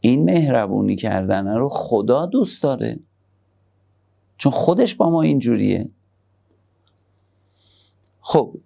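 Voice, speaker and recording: Gravelly-voiced man preaching gently. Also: mid-range voice. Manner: conversational preaching, shifts between soft tender asides and emphatic points. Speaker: religious speaker. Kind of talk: sermon on parenting.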